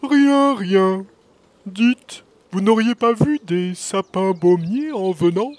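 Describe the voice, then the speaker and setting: A man voicing a big, casual, evasive male moose with a deep, drawling voice in a children's audio story. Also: animated, slow pace, a little mellow, no room sound. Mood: easygoing.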